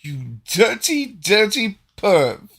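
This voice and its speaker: A man voicing a flustered, secretive furry male restaurant owner who snaps back in a loud, indignant voice. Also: high-pitched, big pitch swings, takes it slowly, gravelly, a little hiss or hum, pitched above the performer's own voice, exaggerated voice.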